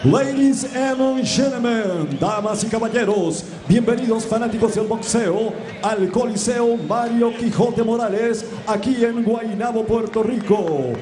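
A middle-aged man working as a bilingual boxing ring announcer in a lucha libre style, with booming showman calls, stretched words and rapid runs into a handheld microphone. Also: darkish tone. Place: boxing ring in an indoor arena. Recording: echoey arena PA with crowd noise.

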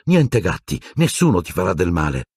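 A man reading an audiobook voices an excitable teenage boy who exclaims in agitation. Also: sits low, moderate pace, slightly rough, no echo, studio quality, full character voice. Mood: soothing. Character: excitable teenage boy, worried for his pet rat.

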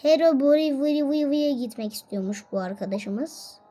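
Female gaming host, high pitch, chatty, exclamation-heavy play commentary. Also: fairly quick. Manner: chatty and excitable, frequent exclamations and laughs. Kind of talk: casual gameplay commentary.

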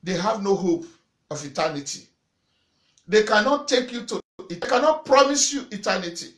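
Standing before a banner in a small, echoey church room, a middle-aged pastor preaches to camera with a high voice at a moderate pace. He hammers phrases through repetition, breaks into sudden loud shouts, and gestures with waving arms.

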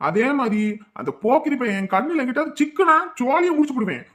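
A woman's voice: high voice, sing-song, fast talker, a bit bright. A woman with a Kanyakumari Tamil accent voicing scolding village characters in a cartoon.

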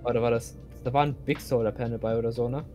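A man's voice: medium pitch, fairly even intonation, fast, darkish tone, faint music behind. A young man playing a video game with a friend, thinking aloud and often repeating words as he searches for them. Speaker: gamer co-playing. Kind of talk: casual gaming chat.

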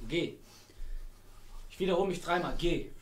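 A young man co-hosting a livestream, shouting and teasing his partner in rowdy banter. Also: a little high, moderate pace, echoey room. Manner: loud, shouting and teasing, with swearing. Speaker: livestream co-host.

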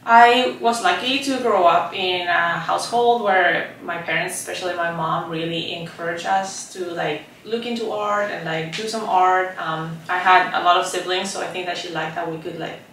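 This woman, a visual artist from Chile in her thirties, talks reflectively for a documentary at a normal pace with few pauses, her fairly low voice steady and soft. She's thoughtful and uses many "like" and "um" fillers. The recording is distant and echoey, made in a roomy indoor painting studio, with slight background noise.

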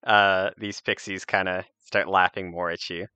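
Low, bright-voiced male game master. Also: flat delivery, unhurried, clear, resonant tone, no echo, muffled recording. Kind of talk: improvised tabletop game narration.

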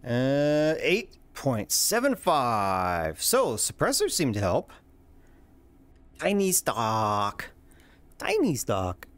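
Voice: mid-range voice, wildly swooping pitch, slow pace, few pauses. A host giving casual, jokey commentary over a video game, playful and given to exclamations. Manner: playful, exclaiming, swearing at slips.

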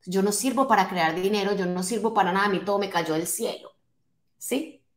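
Speaking from a small home office with a roomy, echoing sound, a forty-nine-year-old coach delivers an emphatic motivational talk to a live online audience. She has a mid-range voice, talks fairly quickly, and speaks to listeners directly with rhetorical questions and check-in tags.

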